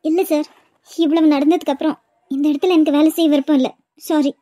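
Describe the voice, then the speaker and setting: A woman's voice: high-pitched, steady tone, brisk, dark tone, no room sound, natural voice. A woman voicing a frightened young widow in a cartoon, flustered but refusing firmly, with a Kanyakumari Tamil accent. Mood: scared, firm. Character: frightened young widow, new office worker. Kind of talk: cartoon web series dubbing.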